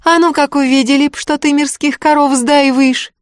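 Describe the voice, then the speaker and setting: A woman reading aloud voices a jumpy young peasant girl with shrill, breathless exclamations. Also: fairly even intonation, moderate pace, no echo, clean studio sound, lightly acted. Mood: alarmed.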